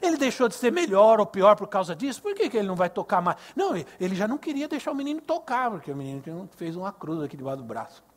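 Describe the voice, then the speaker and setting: A man's voice: high-pitched, racing, few pauses. An older man with a Brazilian Portuguese accent, preaching a sermon at a youth service, telling stories and asking the congregation questions. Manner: animated, acts out dialogue, asks the congregation questions. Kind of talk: sermon with storytelling.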